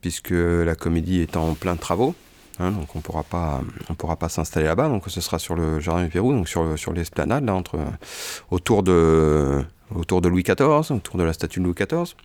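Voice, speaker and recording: A bookseller presenting authors in a relaxed chat, hesitant, with many fillers and restarts. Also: male voice, deep voice, a little fast.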